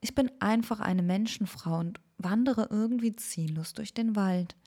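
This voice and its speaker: A woman with a medium-pitched, mellow, near-everyday voice speaks at a moderate pace, voicing a lost young woman in a storybook. The character, weary and wandering a forest, sounds wondering and plaintive.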